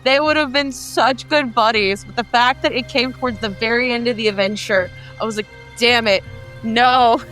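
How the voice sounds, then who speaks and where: A woman player chatting casually, excitable and swearing offhandedly. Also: on the high side, brisk, few pauses, faint music behind. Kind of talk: casual debrief chat.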